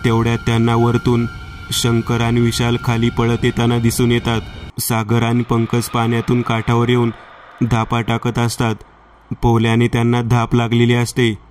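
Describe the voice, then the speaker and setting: A male storyteller reading a horror tale in a steady, unbroken delivery. His voice sits at a middling pitch and stays remarkably flat, with almost no melody. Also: normal speed, faint music behind.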